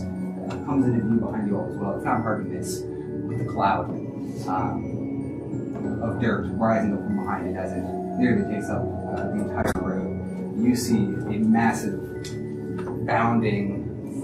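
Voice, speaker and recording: Echoey, distant male game master over loud music. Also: on the low side. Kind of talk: narrating a tabletop role-playing game. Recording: echoey room from far off, music behind.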